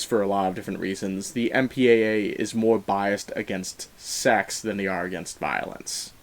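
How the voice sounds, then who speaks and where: A man with a fairly low voice hosts an opinionated movie review, explaining his views casually and leaning hard on certain words for emphasis.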